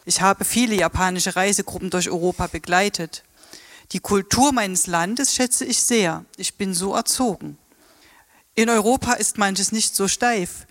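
A woman's voice: medium pitch, dry recording, clean studio sound, lightly acted. An actress playing a polite, formal Japanese woman tour guide in a radio play.

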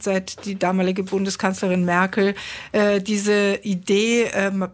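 A woman from Israel, a guest in a studio interview, talking thoughtfully with frequent fillers. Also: medium pitch. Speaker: guest, actress and café manager. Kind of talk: interview answers.

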